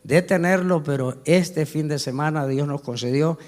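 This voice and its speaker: Man, church host, slightly high voice, halting introduction with fillers. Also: darkish tone. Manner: hesitant, with filler words. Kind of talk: pulpit introduction.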